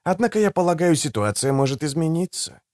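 A man reading an audiobook, voicing a suave, condescending male assassin in a soft, low, silky voice. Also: lively intonation, fairly quick, no room sound, clean studio sound, natural voice. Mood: silky, ironic. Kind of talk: audiobook character voice.

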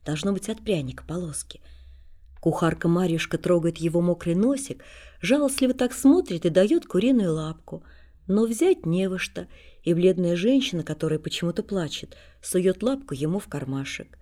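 A woman calmly narrating a classic novel as an audiobook. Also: lowish voice, moderate pace. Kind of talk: scripted narration.

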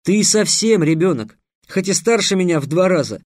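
A man's voice: high-pitched, animated, normal speed, darkish tone, no echo, clean studio sound. A man voicing a young, sarcastic mage who lectures his enemy in a scornful tone. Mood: lecturing. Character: young sarcastic male mage, bold and mocking.

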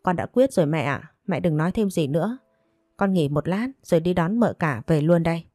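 A woman doing a gentle, devoted young husband. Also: fairly low pitch, animated, fairly quick, no room sound, clean studio sound, faint music behind.

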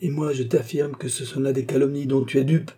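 A man's voice: medium pitch, steady tone, a little fast, dark tone, husky, voice pushed up, natural voice. A man reading an audiobook, voicing a frail, stubborn and emotional old marquis in a raised voice. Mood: insistent. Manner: insistent, emotional.

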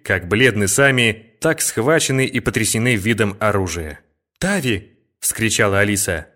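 Low-voiced male audiobook narrator. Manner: measured, expressive reading.

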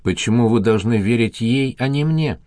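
A man's voice: medium pitch, normal speed, dry recording, studio quality, close to an everyday voice. A man voicing a cornered young woman who speaks sharply and defensively. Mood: desperate. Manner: sharp, alarmed.

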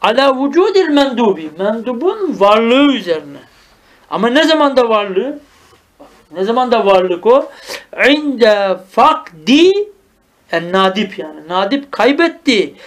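High-voiced man teaching Arabic grammar. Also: very animated. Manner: explains line by line, often asks "tamam mı?"; reads Arabic text slowly and acts out mourning cries. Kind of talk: traditional madrasa lesson.

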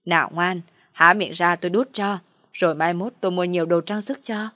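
A doting old father, gentle and placating, always trying to smooth things over, as a woman acts him out. Her tone drops a little lower for him, and the sound is dry. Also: steady tone, normal speed, no echo, natural voice. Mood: soothing. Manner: soothing, placating.

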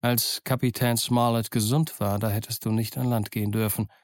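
A man reads a grave middle-aged doctor in a storybook, concerned and firm, at a middling pitch. The sound is close and dry. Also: little pitch movement, moderate pace, dry recording, natural voice. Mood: reproachful. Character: kindly, stern middle-aged male doctor. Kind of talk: audiobook character voice.

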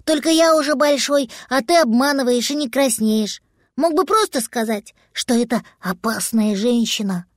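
A woman voicing a cheerful, eager little boy dragon who chatters excitedly in a high voice. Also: moderate pace, dry recording, studio quality, lightly acted. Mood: earnest.

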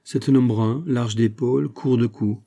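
A man's voice: mid-range voice, steady tone, measured pace, creaky, mellow. A man reading a classic novel aloud, voicing a timid, plain-spoken river boatman with a deferential manner.

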